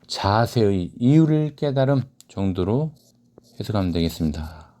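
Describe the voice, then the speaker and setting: A man with a fairly low, dark-toned voice teaches a lesson on a short story, very animated but never rushed. He asks the class questions only to answer them himself, and raises his voice when reading quoted lines aloud.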